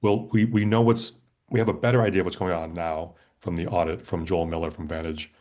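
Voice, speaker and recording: Deep-voiced man leading a committee meeting. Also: steady tone, brisk, darkish tone. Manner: orderly, walks through schedules and bids step by step. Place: town committee meeting room.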